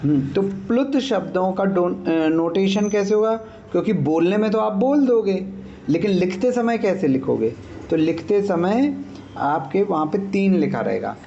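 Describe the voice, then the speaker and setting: A man teaches Sanskrit grammar over a dull, lo-fi online class connection. He speaks slowly in a dark, gravelly voice. He pauses often to check that his students follow. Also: sits high, lively intonation, a little hiss or hum. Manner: patient, checks understanding, demonstrates sounds aloud. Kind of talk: online lesson explaining grammar.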